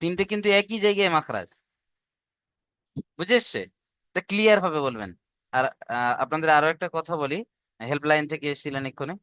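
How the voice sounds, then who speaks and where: A man's voice: on the high side, expressive, brisk, long pauses, pushed and bright, clear, resonant tone, no echo, studio quality. A man teaching an online class, patient and repetitive, often asking his students whether they have understood. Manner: patient, repeats points and asks checking questions. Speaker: Quran recitation teacher.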